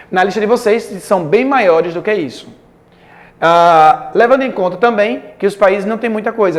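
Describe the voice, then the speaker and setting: Male school English teacher from Brazil, unhurried, patient explainer, goes through vocabulary lists item by item. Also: sits high. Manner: explains patiently, checking in with frequent "ok?"; lists words one by one, slowly and evenly. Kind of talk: recorded online class.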